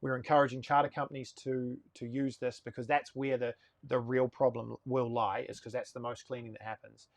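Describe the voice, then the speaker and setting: In a dry recording, a gravelly, mid-range voice belongs to a sailing charter boss of about forty, interviewed casually on a live stream. Lively and story-driven, he delivers his words in fast bursts.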